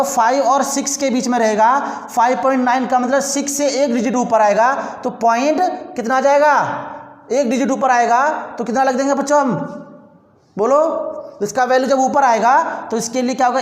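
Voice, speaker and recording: A man with a very high voice gives a chemistry lesson, repeating each step for his students. The sound rings around a hard room with a long, echoing tail. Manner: addresses students as children, repeats steps. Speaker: chemistry teacher. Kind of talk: classroom lecture. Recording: echoey room with long reverb.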